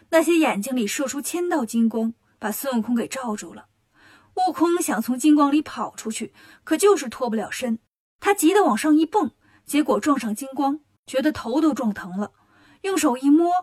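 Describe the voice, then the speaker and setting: A woman narrating a children's story in a lively, expressive way. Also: sits high, moderate pace.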